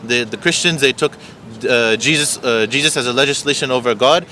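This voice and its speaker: A man's voice: mid-range voice, fairly quick, sharp tone, a little hiss or hum. A man in an impromptu religious debate on the street, explaining his points insistently and repeating them. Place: outdoors on an urban street.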